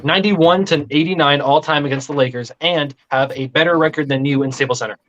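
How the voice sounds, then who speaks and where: A man's voice: a little high, quick pace, a bit bright, poor audio. A man trash-talking and teasing others as a guest in a casual live sports chat.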